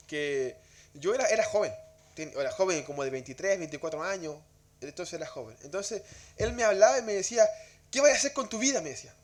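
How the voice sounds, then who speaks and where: Man, high voice, church Bible class teaching, conversational, rhetorical questions.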